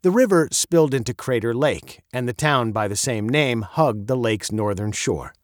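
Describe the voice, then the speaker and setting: A man reading a children's chapter book aloud in an expressive, playful storytelling manner. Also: normal speed, no room sound, studio quality. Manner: expressive, playful storyteller with wide pitch swings. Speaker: audiobook narrator. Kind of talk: scripted storybook narration.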